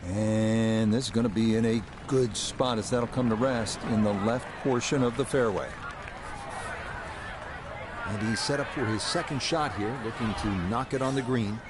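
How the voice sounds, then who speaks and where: A man's voice: mid-range voice, normal speed, background noise. A man working as lead golf commentator, giving play-by-play of each shot.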